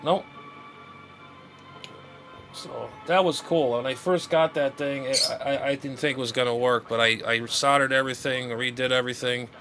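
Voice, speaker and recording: Talking over music at a normal pace, a middle-aged man with a mid-range voice shows his radio gear in a rambling vlog. He mutters, says things twice and drifts off mid-thought, and steady background noise persists throughout.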